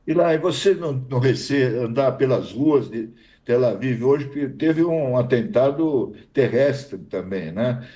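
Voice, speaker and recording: A man's voice: mid-range voice, expressive, measured pace, warm tone. A man anchoring the news, asking the guest direct questions. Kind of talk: live news interview questioning.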